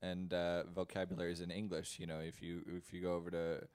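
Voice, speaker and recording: A man's voice: low voice, completely flat delivery, brisk, a little mellow, smooth. A man, offering ideas tentatively and hedging as he goes. He is a guest in a loose podcast conversation. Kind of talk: casual chat.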